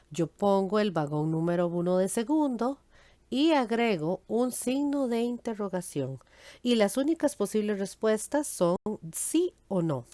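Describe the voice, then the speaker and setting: A woman English teacher explaining grammar patiently, step by step, saying her English examples slowly and clearly. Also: mid-range voice, dark tone, no echo. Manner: switches between Spanish and English, speaking English slowly. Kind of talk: recorded grammar lesson.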